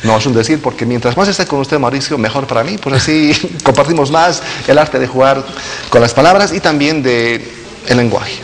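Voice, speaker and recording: A man's voice: mid-range voice, fairly quick. A man, a linguist guest on a TV studio interview, explaining words in a didactic and playful way. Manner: didactic, playful with wordplay, chuckles often. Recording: long hall reverb, faint noise.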